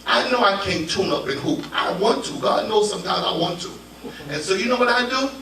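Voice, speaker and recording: A man preaching an interactive sermon with call-and-response, playful and teasing, with bursts of shouting. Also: high-pitched, animated, fairly quick, a little hiss or hum. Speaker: preacher leading a ministry workshop. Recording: echoey church hall, mic far off, congregation audible.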